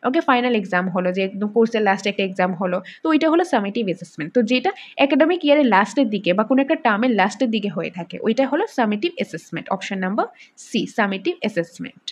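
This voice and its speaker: A woman teacher with a Bengali accent, reading exam questions slowly and then explaining each answer with questions to the class. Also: mid-range voice, expressive. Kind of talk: exam-prep lesson going through multiple-choice questions. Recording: dull lo-fi sound.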